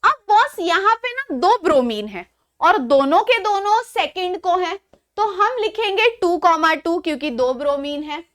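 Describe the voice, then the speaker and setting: High-pitched, lively Indian woman teaching. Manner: chatty, teasing, repeats key terms slowly. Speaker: chemistry teacher. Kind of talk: online class lecture.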